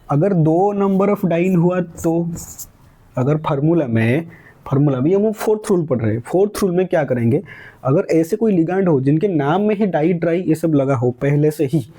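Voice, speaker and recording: Male chemistry tutor, dark mellow voice sitting a touch high, patient step-by-step explainer who keeps checking understanding. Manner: explains step by step, asks questions and answers them himself; mixes English words into Hindi. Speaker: chemistry teacher. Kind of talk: classroom lecture.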